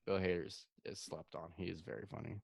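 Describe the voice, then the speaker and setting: A man's voice: sits low, level tone, fast talker, vocal fry, darkish tone, slightly rough, no room sound, clean studio sound. A young man co-hosting a podcast, chatting casually, laughing often and letting sentences trail off. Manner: laid-back, laughing, trailing off. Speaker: podcast co-host. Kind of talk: casual chat.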